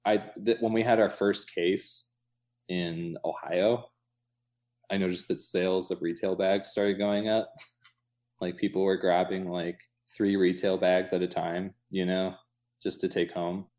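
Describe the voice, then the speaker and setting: A man's voice: deep voice, little pitch movement, a little slow, darkish tone. An American man talking casually in an interview, thinking aloud in loose fragments peppered with "like" and "you know". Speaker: coffee shop owner being interviewed.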